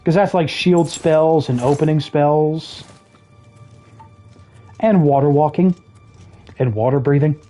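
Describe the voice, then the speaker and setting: Streamer talking thru a game, kinda mellow voice, jokes at the npcs, clearing throat now and then, soft music behind. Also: mid-range voice, slow, long pauses. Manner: chatty, explains game mechanics with dry jokey asides. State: throat trouble, occasional coughing. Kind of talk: casual gameplay commentary.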